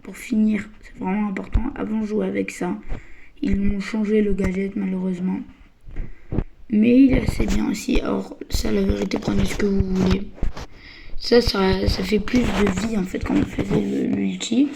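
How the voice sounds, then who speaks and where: A woman who is a little sick and tired, giving casual game tips in a hesitant, stammering way with a slightly croaky voice. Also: mid-range voice, steady tone, normal speed, background noise. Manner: hesitant, stammering, many fillers. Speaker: gaming channel host.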